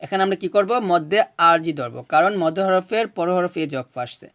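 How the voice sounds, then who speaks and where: A man teaching Quran recitation, chanting verses slowly and explaining each rule patiently, asking questions and answering them himself. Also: sits high, fairly bright tone, no room sound, clean studio sound. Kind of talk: recitation lesson.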